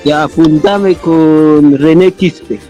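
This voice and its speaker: A man phones in to a radio comedy show and answers the host with short, agreeable replies. His voice sits a little high for a man. Loud music plays underneath the call. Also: slow pace. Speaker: caller.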